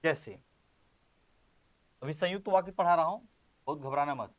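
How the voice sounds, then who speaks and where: A man teaching a classroom grammar lesson, repeating words slowly as he writes and joking with students directly. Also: a little high. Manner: repeats words slowly while writing on board; playful, addresses students directly.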